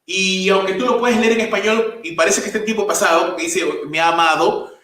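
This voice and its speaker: A male pastor delivers a sermon in an emphatic preaching style, piling up lists. His voice sits high for a man. He is heard from some distance in a church that rings with heavy echo. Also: fairly even intonation, fairly quick, bright, forceful tone. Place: church sanctuary. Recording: very echoey room, voice from a distance.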